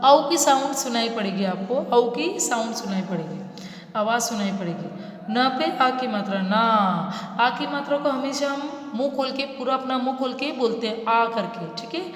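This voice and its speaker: A woman teaches small children to read, patient and repetitive, stretching each sound slowly. Her voice sits a little high. The room rings with a long, echoey reverb. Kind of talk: children's reading lesson.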